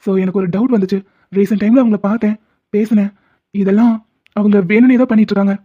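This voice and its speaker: A woman voicing a calm, level-headed young man in a dubbed cartoon drama, speaking in a steady, firm way. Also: medium pitch, fast talker, close to an everyday voice. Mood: explaining. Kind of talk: Tamil cartoon dubbing. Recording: dull lo-fi recording.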